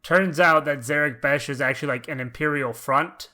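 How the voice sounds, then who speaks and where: Bright, high-ish man, excitable podcast co-host. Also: normal speed. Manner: animated, exclamatory, piles up words. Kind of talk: casual chat.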